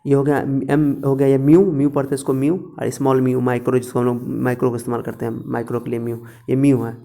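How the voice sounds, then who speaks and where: A man's voice: medium pitch, flat delivery, quick pace, creaky, warm tone. A male teacher giving a casual lecture to students, repeating words often and speaking straight to them. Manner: repetitive, instructive, speaks directly to students.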